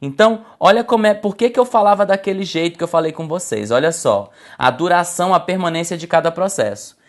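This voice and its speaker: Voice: mid-range voice, animated, fast talker. Exam-prep teacher explaining slides. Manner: didactic, addresses class as "gente", frequent "tá?" and "olha só"; stretches and shifts intonation to illustrate points. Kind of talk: online slide lecture.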